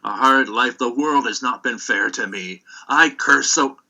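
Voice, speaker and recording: A man voicing a thin, bitter old beggar in a fireside folktale, halting and plaintive. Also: medium pitch, bright, forceful tone. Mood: bitter, weary. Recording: dull, muffled lo-fi recording.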